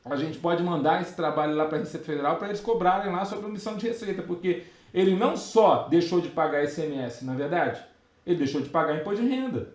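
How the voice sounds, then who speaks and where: A Brazilian man with a high, bright voice tells a workplace story to his students. He talks in animated bursts full of fillers and asides, and the sound rings in a roomy, echoey space. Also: quick pace. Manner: animated anecdote telling, many fillers and asides. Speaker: tax auditor and exam-prep teacher. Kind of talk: live storytelling lesson, reading viewer questions.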